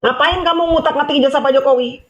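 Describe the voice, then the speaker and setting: High-voiced man scolding sarcastically. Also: fast talker, a bit bright. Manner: scolding, sarcastic, rhetorical questions. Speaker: online commentator. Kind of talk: ranting monologue to camera. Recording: dull lo-fi audio.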